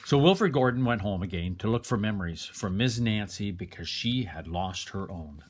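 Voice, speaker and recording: Guy reading a kids picture book out loud, expressive, voice goes up and down loads. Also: on the low side, normal speed. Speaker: storybook reader. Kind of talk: expressive children's story narration.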